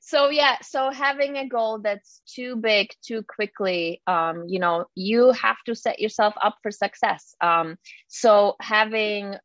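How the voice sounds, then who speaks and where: A woman's voice: medium pitch, slow, a bit bright, dry recording. Czech-born woman life coach on a podcast, lots of ums, kinda muffled dry audio. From Czech Republic. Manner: hesitant, lots of ums and restarts. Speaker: guest, yoga teacher and life coach. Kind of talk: casual podcast conversation.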